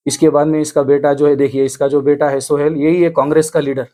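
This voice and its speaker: A man in his thirties with a Hyderabadi accent, giving an earnest, halting news interview. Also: fairly high pitch, level tone, mellow. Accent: Hyderabadi Hindi. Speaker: interviewee, complainant. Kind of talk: news interview, recounting an attack.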